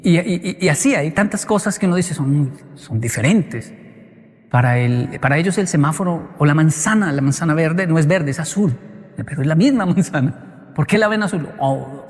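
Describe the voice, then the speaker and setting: A male motivational speaker giving a live talk, animated and acting out bits of dialogue as he answers an audience question. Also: fairly high pitch. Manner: animated storyteller who acts out dialogue. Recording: long hall reverb.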